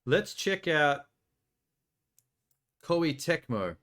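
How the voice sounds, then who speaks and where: A man's voice: fairly high pitch, sing-song, drawn-out words, fairly bright tone. A man giving casual, offhand live reaction commentary as a streamer, speaking bluntly and swearing freely. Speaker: livestreamer reacting to a game show broadcast.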